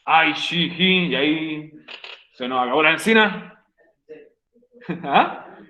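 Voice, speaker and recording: A high, bright male teacher explains grammar to his online class, teasing students and repeating each rule. The sound is roomy, with a dull, lo-fi stream quality. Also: animated, slow pace. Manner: playful, joking with students; repeats key points for the class. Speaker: English teacher.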